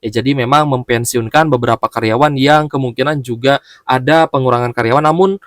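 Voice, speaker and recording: A man giving stock market analysis in a steady explanatory way, often stopping on fillers and short pauses. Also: medium pitch, dry recording, clean studio sound.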